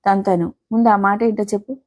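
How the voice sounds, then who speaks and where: A woman doing a gruff sulking young husband. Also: mid-range voice, steady tone, a little fast, darkish tone, close to an everyday voice. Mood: demanding.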